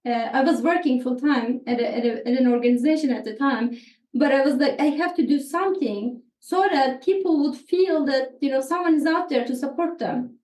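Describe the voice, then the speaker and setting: A Turkish woman, a native Turkish speaker with a Turkish accent, talks earnestly as a therapist guest in a podcast interview. Her voice is high, brisk and a little mellow, and she often repeats words while searching for phrasing; the room is echoey and she sits distant from the mic.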